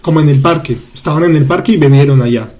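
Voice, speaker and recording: A man's voice: fairly high pitch, a little mellow. Upbeat man teaching a live class. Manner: chatty, reads out student comments, repeats words slowly. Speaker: French teacher. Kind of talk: live online class, explaining grammar.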